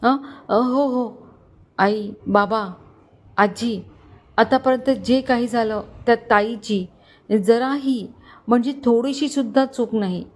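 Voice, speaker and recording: A woman voicing a frightened young wife who begs tearfully, her voice rising high. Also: flat delivery, extremely slow. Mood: pleading. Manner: begging, panicked, tearful.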